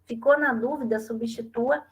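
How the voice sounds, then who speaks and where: A woman's voice: a little high, fairly even intonation, moderate pace, a bit bright. Brazilian woman teaching a grammar class. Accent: Brazilian Portuguese. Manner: explanatory, frequent tag questions. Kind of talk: online class lecture.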